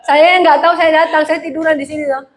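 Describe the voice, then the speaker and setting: A woman's voice: high voice, fairly even intonation, quick pace. A woman pastor preaching a sermon, mixing humorous home stories with emphatic repeated phrases. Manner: humorous storytelling, emphatic call-and-response phrasing.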